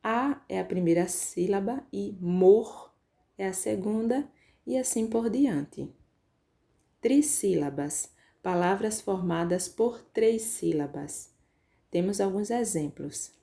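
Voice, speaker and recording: A primary school teacher with a Brazilian Portuguese accent gives an online grammar lesson to young pupils, patiently spelling out syllables. Her voice is medium-pitched, expressive, slow and mellow, with vocal fry.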